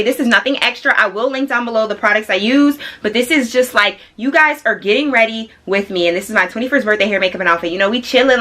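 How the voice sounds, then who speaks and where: A young woman of twenty-one chatting excitedly and casually as she does her makeup for a vlog, full of slang. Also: a little high. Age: young adult. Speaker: beauty vlogger. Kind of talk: casual get-ready-with-me chat. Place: home studio room.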